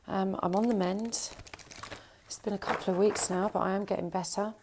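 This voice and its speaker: A woman with a croaky, gravelly voice, still recovering from an illness, chatting warmly while she draws tarot cards. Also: medium pitch, steady tone, brisk, noisy background. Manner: chatty, reassuring, thinks aloud while drawing cards. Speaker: tarot reader. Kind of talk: casual tarot reading.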